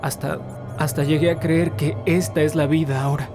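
A man voicing a desperate captive who is losing his mind in an animated horror parody. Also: a little high, moderate pace, lightly acted. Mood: desperate, weary. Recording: loud music behind.

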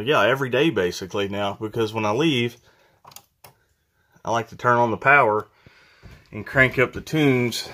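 DIY vlogger, man with a lowish voice, chatty and informal, filmed on a handheld phone indoors. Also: a bit bright. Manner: chatty, informal, laughs at own jokes. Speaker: channel host, DIY renovator. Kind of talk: casual DIY vlog narration. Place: mobile home and workbench indoors.

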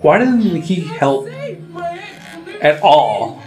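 A man's voice: on the high side, big pitch swings, extremely slow, darkish tone, soft background music. A young man playing a video game, chatting casually and joking crudely with a lot of swearing. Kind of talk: casual gameplay chat.

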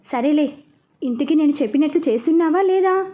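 A woman's voice: high voice, expressive, fairly quick, warm tone. A woman voicing a playful, scheming old grandmother who teases her granddaughter. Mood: teasing. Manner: playful, teasing.

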